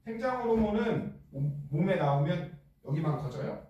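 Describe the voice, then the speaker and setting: A middle-aged male teacher lecturing a class in a joking, blunt way and firing quick questions at students. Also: sits high, lively intonation, lo-fi sound. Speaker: middle school science teacher. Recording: echoey classroom from far off.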